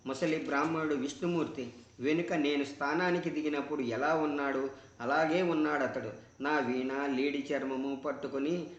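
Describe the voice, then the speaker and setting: A man reading a scriptural story aloud in a measured, devotional way, in a roomy, dull recording. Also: fairly high pitch, steady tone.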